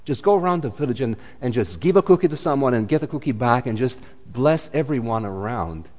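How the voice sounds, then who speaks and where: A man's voice: medium pitch, lively intonation, a little fast, a little mellow, in a large hall. A man, preaching a sermon in a chatty way, full of fillers and restarts. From Romania. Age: 40s. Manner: conversational, many fillers and restarts. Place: church.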